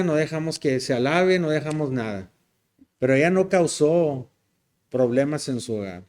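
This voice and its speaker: A male pastor, preaching a sermon in a conversational, joking way. He often adds tag questions and slips in English words. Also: on the high side.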